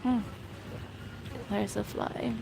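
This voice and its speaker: A woman's voice: mid-range voice, fairly even intonation, drawn-out words, creaky. A woman chatting casually to viewers as a vlogger, thinking aloud, recorded on a handheld phone by a swimming pool. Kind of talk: casual live chat to viewers. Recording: noisy poolside ambience on phone mic.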